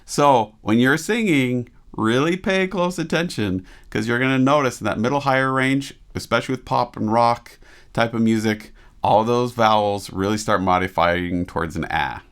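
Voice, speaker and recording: Male vocal coach, mid-pitched voice, eager and explanatory, talks through technique in a casual reaction-video style. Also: moderate pace. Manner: enthusiastic, explanatory, asks rhetorical questions. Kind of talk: casual teaching commentary.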